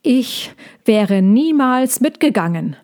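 A woman's voice: a little high, animated, slow, a little mellow, voice pushed up. A woman voicing an anxious, fussy male hedgehog in a storybook reading, talking in a fretful, scolding way.

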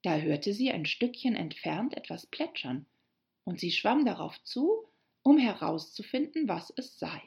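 A woman narrating a story aloud in an audiobook style, slow and expressive. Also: mid-range voice, gravelly, muffled recording. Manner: slow, expressive, lively reading.

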